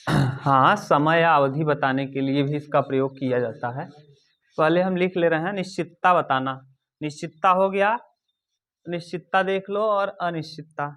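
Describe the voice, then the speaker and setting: A man's voice: fairly high pitch, measured pace, long pauses, a bit bright. A male teacher giving an exam-prep grammar lesson, repeating key terms and quizzing and dictating to his students.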